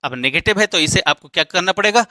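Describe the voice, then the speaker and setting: A male grammar teacher with a bright, slightly high voice, recorded close and dry with no room sound. He walks through each example step by step, putting questions to his students and answering them himself. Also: animated, fast talker, no room sound. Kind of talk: explaining a grammar lesson.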